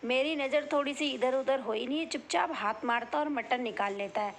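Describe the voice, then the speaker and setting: A woman's voice: sits high, fairly quick, echoey room, slight background noise. A woman in her thirties chatting to her viewers in a casual daily vlog, heartfelt and direct. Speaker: vlogger.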